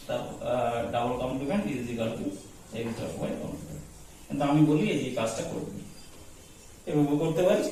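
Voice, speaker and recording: A man's voice: mid-range voice, a little mellow. A male teacher giving a classroom lecture, quizzing his students with call-and-response questions. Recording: echoey room, far from mic, faint noise.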